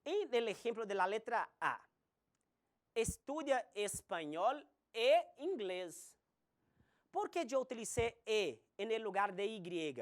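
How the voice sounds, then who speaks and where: Slow, lively-voiced woman teaching Spanish. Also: a little high. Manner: slow, deliberate explanation with spelled-out examples. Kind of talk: recorded online grammar lesson.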